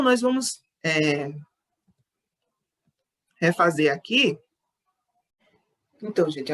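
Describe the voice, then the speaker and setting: A woman teacher with a Brazilian Portuguese accent, patiently explaining a lesson and counting syllables aloud. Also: medium pitch. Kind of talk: online class lesson.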